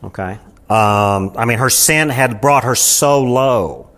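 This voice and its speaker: A man's voice: mid-range voice, slow pace, a bit bright. A man, a pastor, teaching a small Bible study group in a church room, keeps asking the room questions. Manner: asks the room frequent rhetorical questions. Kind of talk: conversational sermon.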